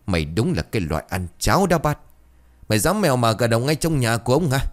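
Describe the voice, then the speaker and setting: A man's voice: mid-range voice, big pitch swings, fast, close to an everyday voice. A man voicing an old, domineering village chief who barks and scolds, in a spoken ghost story. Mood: furious. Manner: barking, scolding.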